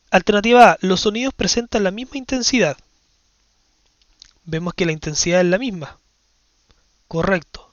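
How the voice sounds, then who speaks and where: A man teaching a physics lesson, walking through exam questions and often checking in with a quick "¿ya?". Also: high voice, a bit bright, no echo, dull audio. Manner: explanatory, checks in with frequent "¿ya?". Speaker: science teacher.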